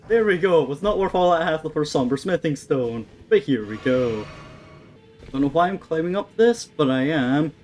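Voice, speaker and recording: A man giving casual let's-play commentary, thinking aloud and swearing at the game with wry humour. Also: on the high side. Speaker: gameplay commentator. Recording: faint background noise.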